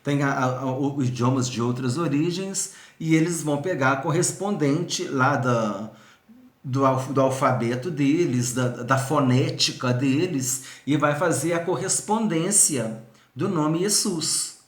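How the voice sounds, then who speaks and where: A man's voice: medium pitch, unhurried, roomy sound. A man teaching a recorded seminary video lesson, explaining patiently, repeating points and speaking straight to the viewer. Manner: addresses viewer directly.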